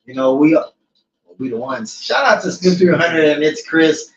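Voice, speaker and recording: A man's voice: a little high, expressive, normal speed. Laid-back man, echoey distant mic. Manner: laid-back, swears casually, storytelling with impressions. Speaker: podcast host. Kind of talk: casual chat. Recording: echoey, distant, dull room mic with faint noise.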